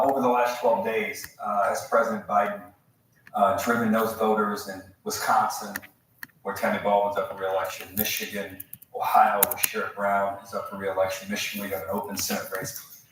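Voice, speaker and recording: A man with a fairly low voice weighs his words slowly and hesitantly, restarting often. He sounds set back from the mic in a very echoey room. Faint ambient noise hangs behind. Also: distant mic. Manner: hesitant, thinks aloud with fillers. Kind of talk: measured panel analysis.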